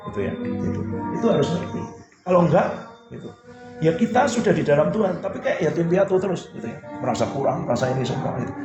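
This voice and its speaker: A man's voice: on the high side, animated, fast talker. A man preaching a sermon as pastor, in an easygoing, conversational way, often tagging his sentences with "gitu ya". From Indonesia. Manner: conversational, repeats "gitu ya" a lot. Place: church hall. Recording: roomy hall with music behind.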